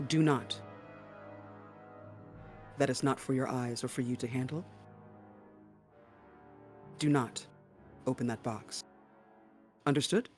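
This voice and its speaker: A man playing a guarded, commanding hooded contact in a tabletop game, speaking in formal, measured orders. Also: medium pitch, faint music behind, close to an everyday voice. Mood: stern, businesslike. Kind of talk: tabletop role-play.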